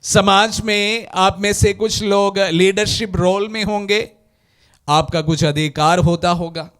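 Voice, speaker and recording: A male priest reading the gospel at Mass and preaching in a slow, measured way. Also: high voice, fairly even intonation, a bit bright, clear, resonant tone. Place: church.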